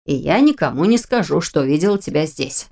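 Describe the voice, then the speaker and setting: A woman voicing a fussy elderly female cook who scolds with care, in a lower, hushed, hoarse and folksy voice. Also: big pitch swings, brisk, heavily acted. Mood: worried scolding.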